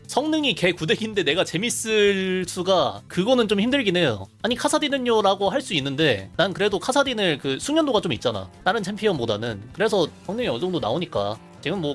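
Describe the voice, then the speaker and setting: A young man casually commenting while streaming a game, chatty and laughing, reading chat aloud. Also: high voice.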